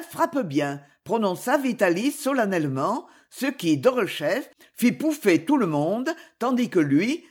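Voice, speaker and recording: A husky, slightly breathy narrator reads a literary novel aloud, sitting at a middling pitch. The delivery is animated, with the voice rising and falling freely through each sentence.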